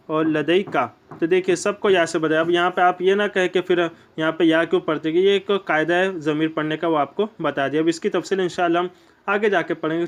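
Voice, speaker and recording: A man with an Urdu accent giving a grammar lesson, explaining step by step and repeating key points. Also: sits high. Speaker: teacher. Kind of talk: classroom lecture.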